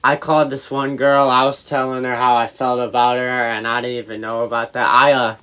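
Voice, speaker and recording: A man tells a personal story in a loose, rambling way, tripping over restarts and fillers. His voice sits at an ordinary middle pitch and grows animated and louder in the heated parts. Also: fairly quick, slight background noise, low-quality recording. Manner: animated, swings louder when retelling the argument. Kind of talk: casual personal anecdote.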